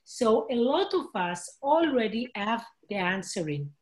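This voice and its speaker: Female host, fairly high voice, earnest manner, non-native English. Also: very animated, unhurried, a little mellow. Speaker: host of spiritual group meeting. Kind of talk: casual group talk.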